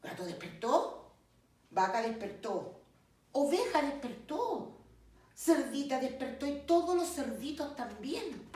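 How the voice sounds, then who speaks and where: Slow, animated woman reading a storybook. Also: high voice. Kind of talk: children's picture book read-aloud. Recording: distant mic, very echoey room, faint noise.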